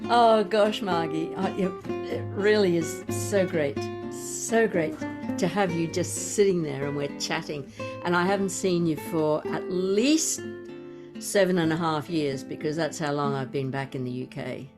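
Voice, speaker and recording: A woman's voice: lowish voice, a little slow, over music. A woman in her seventies with an Australian accent, hosting a podcast conversation in a chatty, rambling way. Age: 70s. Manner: chatty, laughs easily, rambling asides. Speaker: podcast host. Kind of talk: conversational interview.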